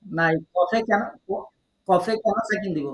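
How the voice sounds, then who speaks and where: Bangladeshi guy teaching quran recitation on a call, high voice, echoey sound, patient and encouraging. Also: measured pace, fairly bright tone. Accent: Bangladeshi Bengali. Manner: patient, encouraging, correcting pronunciation. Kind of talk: live online class, quizzing students.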